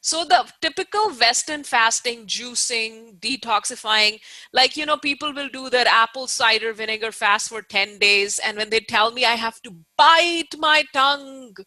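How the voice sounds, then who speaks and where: A woman's voice: on the high side, moderate pace, bright, forceful tone, no room sound, poor audio. A woman teacher giving an informal live online lecture, explaining emphatically, repeating key points and often checking that listeners follow.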